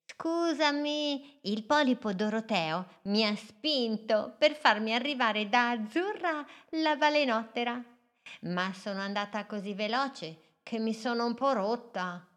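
A tiny toy boat with a high, bright little voice, played by a woman reading a storybook. She sounds eager and cheerful, and her exclamations tumble out breathlessly. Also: unhurried.

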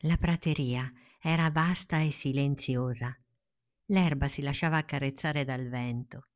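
A woman narrating a children's storybook in a gentle, soothing way. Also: extremely low pitch, unhurried. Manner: gentle, soothing, dropping to a hush in tense moments.

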